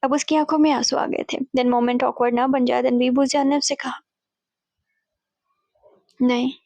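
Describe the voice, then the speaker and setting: A woman's voice: high voice, fairly even intonation, moderate pace, darkish tone, dry recording. A woman casually retelling a fanfiction story, chatty and mixing in English words as she voices the characters' lines. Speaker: fanfiction narrator.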